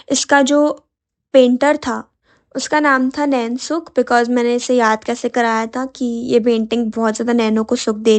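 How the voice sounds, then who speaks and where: This exam-prep teacher, a young woman, speaks to her class directly in Hindi mixed with English, her high voice hoarse and sore.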